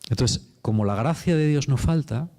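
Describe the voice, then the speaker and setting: A man's voice: medium pitch, animated, normal speed, dark tone. A man with a Spain Spanish accent preaching a sermon in an informal, chatty storytelling way, with casual slang. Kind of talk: conversational sermon.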